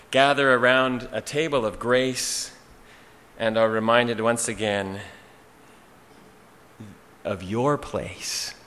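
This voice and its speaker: A pastor preaching a sermon in a church sanctuary, with a slow, rhythmic delivery built on repeated refrains and dramatic pauses. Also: male voice, mid-range voice, pushed and bright. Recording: hall reverb, faint ambience.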